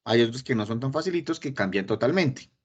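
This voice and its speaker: A man, an English teacher giving an online class on grammar and pronunciation, lively and repeating words for emphasis. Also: mid-range voice, brisk, husky, lo-fi sound. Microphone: computer mic in an online session.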